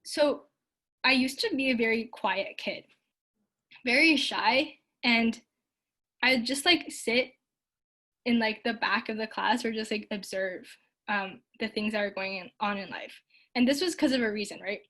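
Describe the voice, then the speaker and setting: A woman's voice: on the high side, unhurried, sharp tone. A young woman from Canada giving a casual online talk and answering audience questions, her speech full of likes and ums. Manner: frequent likes and ums, upbeat and earnest.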